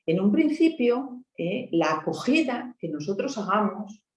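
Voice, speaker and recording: A Spanish woman from Asturias talks through her points in a relaxed, explanatory way, often tagging her sentences with quick questions. Her voice carries a noticeable echo, as if recorded in a hard-walled room. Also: medium pitch. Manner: explanatory, many tag questions. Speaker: helpline volunteer speaker. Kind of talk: conversational talk.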